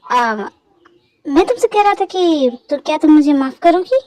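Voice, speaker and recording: A woman voicing a remorseful young man in an amateur fan dub, speaking softly and apologetically. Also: sits high, animated, a little slow, low-quality recording.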